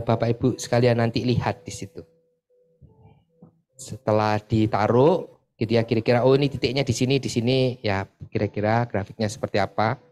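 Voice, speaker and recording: A man from East Java talks casually to a church group, leading a sharing session. His pitch sits in a middling range, and he chats loosely, dropping little filler tags after almost every phrase. He gets lively when he retells stories. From Pasuruan, East Java. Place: church meeting room.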